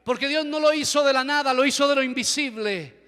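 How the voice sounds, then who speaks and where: Fervent high-voiced Ecuadorian preacher. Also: male voice, a little fast. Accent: Ecuadorian Spanish. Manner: fervent, dramatic storytelling with rising shouts. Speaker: pastor. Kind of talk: sermon. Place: church hall. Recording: echoey church hall.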